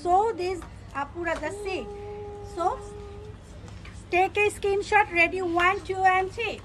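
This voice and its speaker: High-voiced woman selling clothes live. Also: extremely slow, fairly bright tone. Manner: repeats phrases, pushy upbeat selling, mixes English words. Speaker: online clothing seller. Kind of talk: live-stream sales pitch.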